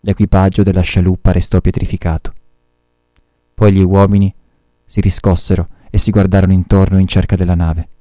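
A man, a teacher, reading a novel aloud to his students at a measured pace, pausing to explain the story. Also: deep voice, level tone, warm tone, no room sound, studio quality.

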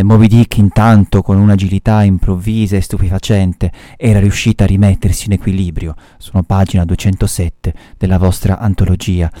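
Deep-voiced male teacher reading a novel aloud, mellow tone, dry sound. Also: no echo. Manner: measured storytelling with short explanations.

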